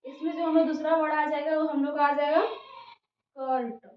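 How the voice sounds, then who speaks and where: A woman's voice: high voice, level tone, fast. A woman teaching a casual spoken lesson, explaining word by word and repeating herself often with many fillers. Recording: dull, roomy, distant from mic.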